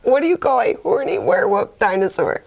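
A woman's voice: medium pitch, animated, fairly quick, gravelly, a little mellow, slight background noise. A woman telling a dad joke in banter, setup first and then the punchline. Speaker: joke challenge contestant. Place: small dark studio room, seated at a table.

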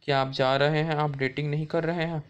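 A man's voice: fairly high pitch, level tone, brisk, clear, resonant tone, muffled recording, close to an everyday voice. A man reading the lines of a nosy, bossy aunt in his own voice, with no acting. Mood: scolding.

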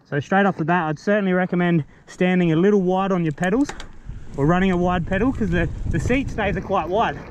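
A man's voice: high-pitched, brisk, dull audio. A man, casually talking through a mountain bike and then riding it on an outdoor trail, recorded on an action camera. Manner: relaxed and chatty, gets excited while riding. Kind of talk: casual ride-along bike review. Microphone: helmet or bike-mounted action camera. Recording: faint wind noise on the mic.

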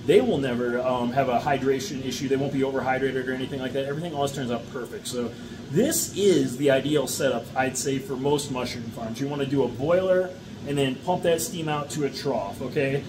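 A man's voice: medium pitch, brisk. A middle-aged man, a mushroom farmer, gives a casual how-to talk to the camera indoors, checking in often with "okay?" and "all right?". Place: indoor farm room with grow shelves. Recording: steady background noise.

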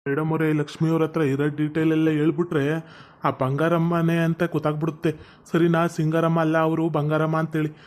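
A fussy middle-aged village father, played by a man. His voice is high and stays flat as he coaxes the others along. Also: brisk, natural voice. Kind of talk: comedy sketch acting.

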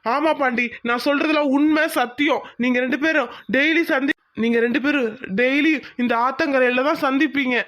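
A woman's voice: high voice, a bit bright. A woman voicing an earnest young village man who pleads with his friend in a cartoon. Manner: pleading, insistent storytelling.

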